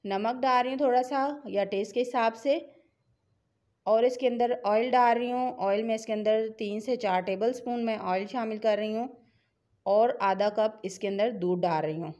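A middle-aged cooking channel host with a Pakistani Urdu accent narrates a home recipe in a chatty, encouraging, instructive way. Her voice is slightly high and a little mellow, delivered at normal speed.

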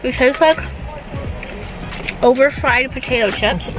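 A young woman talks casually into a camera held at arm's length, her voice sitting a little high. She is blunt and sarcastic. Loud music plays under her. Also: unhurried, rough recording. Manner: blunt, sarcastic food critique. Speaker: vlogger. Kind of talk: casual vlog narration. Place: in a car, then outdoors at a hotel.

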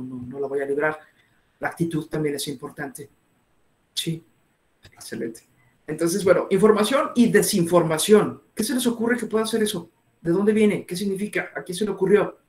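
A man's voice: high-pitched, reverberant. A man giving an interactive online lecture, asking his audience many questions. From northern Mexico. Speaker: webinar speaker.

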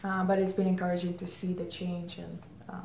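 A woman's voice: on the low side, monotone, creaky, darkish tone. Thoughtful woman, roomy sound. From Czech Republic. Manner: thoughtful, pauses with many "um"s. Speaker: marketing head interviewed as guest. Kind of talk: reflective interview answers. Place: indoor room against a plain grey backdrop. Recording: roomy echo, faint ambient noise.

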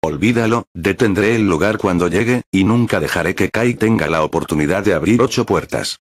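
A man reading the lines of a calm, serious adult male ninja captain in a quiet, measured way in an audiobook. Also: low voice, slightly rough, no echo.

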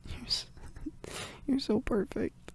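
A young woman cries as she speaks softly and haltingly, apologizing to the listener between whispers. She's an audio roleplay performer in a girlfriend comfort scenario.

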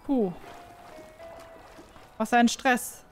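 A woman doing casual gameplay commentary, excitable and quick to yelp in alarm, who also reads the game's dialogue aloud. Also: on the high side, soft background music. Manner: excitable, frequent startled exclamations. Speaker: let's play gamer.

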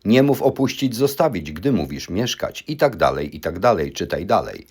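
A man's voice: deep voice, big pitch swings, normal speed, a little mellow, slightly rough. A man teaching English pronunciation in a firm, emphatic scripted monologue, drilling word pairs one by one.

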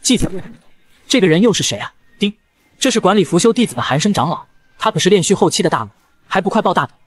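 Fast-talking man narrating a manga recap. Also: sits high, big pitch swings. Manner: rapid storytelling.

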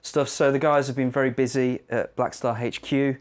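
A man's voice: mid-range voice, flat delivery, normal speed. A man in his thirties giving a casual, informal product demo as a brand representative in a guitar shop.

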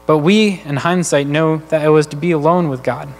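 Male preacher, earnest sermon, slightly high voice, long church reverb. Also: steady tone, normal speed. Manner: earnest, conversational, with enumerated points.

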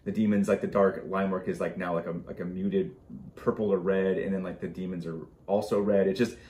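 A middle-aged man speaks in a calm, laid-back way with a somewhat low voice. A roomy echo hangs on the sound, recorded at a table in a shelf-lined room. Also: brisk. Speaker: co-host of a comic collecting show. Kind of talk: casual chat showing off comic finds. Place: indoor room lined with comic shelves, seated at a table.

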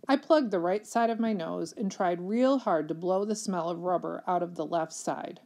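A woman reading a novel aloud, her voice sitting a little low. Her storytelling is plain and even. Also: normal speed. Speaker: reader.

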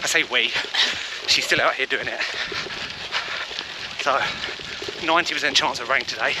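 A man's voice: medium pitch, normal speed. Man vlogging while running, very noisy outdoors. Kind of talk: casual running vlog commentary. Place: outdoors on the move in rain. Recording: noisy outdoor recording with wind, traffic.

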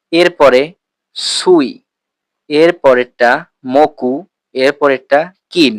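A man teaching a language lesson, patiently explaining and slowly repeating words, often asking his listeners questions. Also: on the high side, fairly bright tone, smooth, no room sound.

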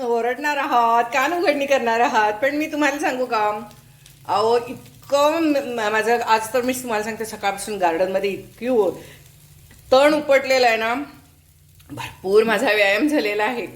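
A middle-aged woman with a bright, high voice talks casually from her home kitchen. She hosts a cooking channel in a chatty, playful way and teases her viewers with light laughter.

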